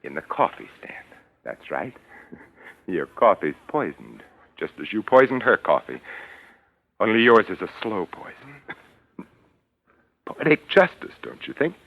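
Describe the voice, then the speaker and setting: An actor playing a vengeful, mocking murderer in 1940s radio suspense, theatrical and sardonic. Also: male voice, lowish voice, sing-song, a little slow, gravelly, long pauses, full character voice. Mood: coldly triumphant. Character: vengeful, gloating male murderer, coldly mocking and superior. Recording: muffled tinny vintage radio recording.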